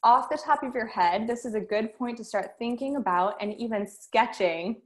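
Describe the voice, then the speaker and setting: A woman's voice: on the high side, moderate pace. A woman, a speech and debate coach teaching an online workshop and guiding students through a string of questions.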